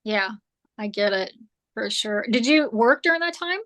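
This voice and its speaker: Chatty, slightly hoarse woman guest. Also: fairly high pitch, animated, normal speed, fairly bright tone. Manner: chatty and rambling, lots of filler words. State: slightly hoarse, losing her voice. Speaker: guest author. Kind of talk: casual conversation.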